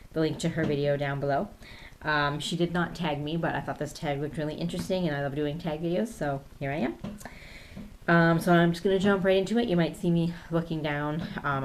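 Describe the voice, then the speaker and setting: A Canadian YouTube vlogger in her thirties chats casually through a tag video, reading questions off her phone. She sounds hesitant, with lots of ums, in a low voice with slight background noise.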